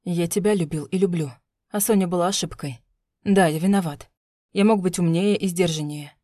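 A woman's voice: on the low side, normal speed, mellow, no echo, studio quality, natural voice. A woman voicing a cold, menacing husband. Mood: coaxing, menacing. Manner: smooth, coaxing, then threatening through teeth. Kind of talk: audiobook narration.

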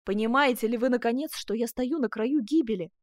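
A woman's voice: medium pitch, normal speed, a little mellow, no echo, lightly acted. A woman voicing a passionate noble duchess with a melodious, pleading voice, in a dry close recording. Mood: alarmed.

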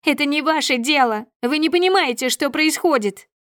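Hysterical screaming villainess, a woman narrator voicing her, shrill, dry close sound. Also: moderate pace, fairly bright tone, no echo. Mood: shrieking. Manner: shrieking, hysterical. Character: furious unhinged woman screaming threats.

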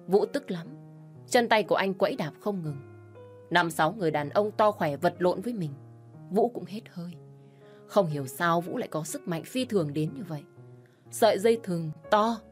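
A woman narrating an audio story in a steady, measured way. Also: on the low side, soft background music.

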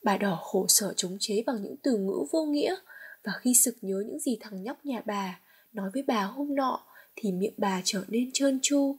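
A woman reads a storybook aloud as an audiobook narrator. Her voice is very husky and breathy, and often drops to a whisper. It sits a little high. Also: a little slow.

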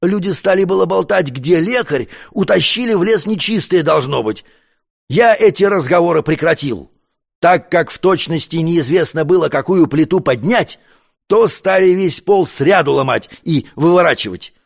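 Flustered old servant, stammers, rises in pitch when scared, as a narrator puts him on. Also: male voice, expressive, normal speed, vocal fry. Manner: stammering, breathless reporting. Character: terrified stammering old household butler.

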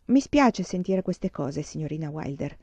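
A woman voicing a calm, serious father on a school board, speaking slowly and weighing each word. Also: low voice, breathy edge, no room sound, full character voice. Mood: grave. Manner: slow, measured and serious. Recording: dull, dry lo-fi audiobook recording.

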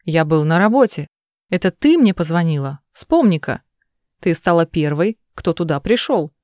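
A woman's voice: on the low side, lively intonation, normal speed, a little mellow, dry recording, clean studio sound, close to an everyday voice. Woman reading as a snapping controlling man. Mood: angry defensive. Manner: snapping, defensive. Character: angry controlling young man, defensive.

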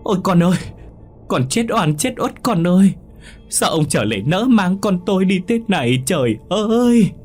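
A man's voice: sits high, big pitch swings, normal speed, faint music behind, voice pushed up. A man voicing a wailing, grief-stricken village mother. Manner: wailing lament. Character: grieving village mother, wailing over her dead son.

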